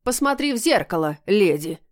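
A woman's voice: lively intonation, a little fast, dry recording, clean studio sound, close to an everyday voice. A woman voicing a rude, grumpy male talking cat that screeches and snaps in an audiobook. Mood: snarling. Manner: shrill, screeching and snappish. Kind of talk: audiobook character voice.

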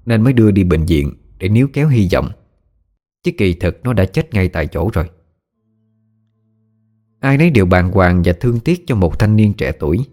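A man narrating a ghost story in a steady, plain way. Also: low-pitched.

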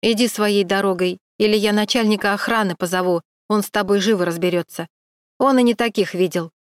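A woman's voice: mid-range voice, fairly even intonation, brisk, clean tone, no echo, natural voice. Woman reading as a nervous male security guard, mumbling, wheedling, evasive, dry close sound, audiobook.

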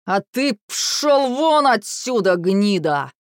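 A woman voicing an older male general with burred r sounds, furious and sarcastic, speaking slowly and bitingly. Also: mid-range voice, very animated, no room sound, clean studio sound.

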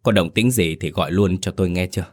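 A man voicing an older village father in a ghost story audiobook, giving orders in a stern, steady voice. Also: low voice, fast talker.

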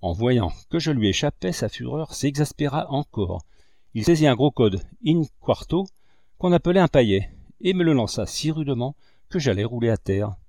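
Male audiobook narrator, expressive and dramatic; mellow tone, close dry mic. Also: mid-range voice, normal speed, no room sound. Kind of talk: audiobook reading.

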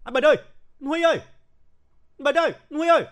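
A man voicing a young male soldier who shouts calls for his comrades across a forest in a war story. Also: extremely high pitch, fast, voice pushed up. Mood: calling out. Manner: shouting far-carrying calls.

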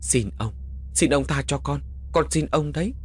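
A man's voice: a little high, moderate pace, breathy edge, faint music behind, pitched above the performer's own voice. A man doing a terrified little girl begging. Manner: pleading, sobbing cries.

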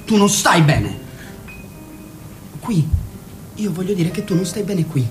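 A woman voices a restless teenage son in a radio play, speaking slowly in a lowish, expressive voice that is pleading and mocking, bitter toward his mother yet gently coaxing with his sister. The recording has a roomy echo and faint music behind.

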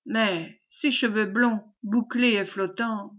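A woman's voice: medium pitch, fairly even intonation, slow pace, a bit bright, muffled recording. A woman reading the part of a stubborn, greedy male knight in a brusque, ordering manner. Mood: commanding.

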